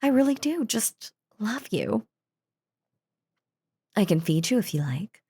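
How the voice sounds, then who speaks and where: Her mid-range voice is husky and dark, moving slowly with big swings in pitch and heavily acted. As a voice actor in an intimate audio roleplay, she plays an affectionate, spoiling yandere wife, lovestruck, possessive, and a sweetly menacing crazy stalker, doting and gushing in a cheerfully unhinged manner.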